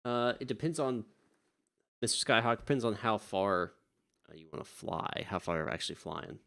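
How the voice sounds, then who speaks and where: A man speaks with a lowish, gravelly, fairly bright voice, lively intonation, and a moderate pace. He's a virtual air traffic controller on a live stream who chats casually, loses his train of thought easily, and then politely radios pilots.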